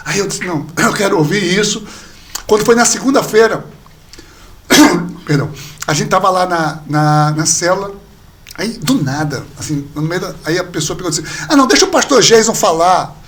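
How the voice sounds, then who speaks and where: A man, a pastor and podcast guest, telling a personal story in casual conversation, lively and acting out the people he quotes. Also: high voice, moderate pace, pauses often. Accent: Brazilian Portuguese. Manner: animated storyteller, acts out quoted dialogue.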